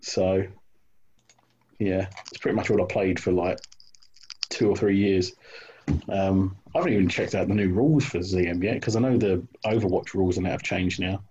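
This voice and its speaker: A man's voice: deep voice, fairly even intonation, normal speed, mellow, a little hiss or hum. A man in casual chat about his hobby, hesitant, with many ums and restarts, on dull lo-fi call audio. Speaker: hobby wargamer guest.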